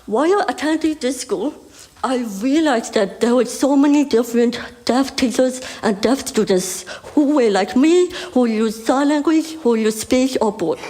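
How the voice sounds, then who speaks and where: A young woman from Burma gives a prepared speech as a conference speaker, her voice high-pitched and dark in tone over poor audio. Her hard-of-hearing speech is careful and deliberate, with small restarts along the way.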